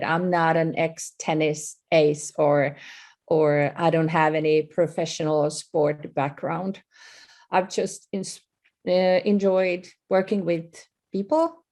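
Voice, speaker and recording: A woman from Finland with a Finnish accent, a guest telling her story in a friendly, unhurried way on a video call. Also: on the low side, darkish tone. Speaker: guest, business owner. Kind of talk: casual online interview.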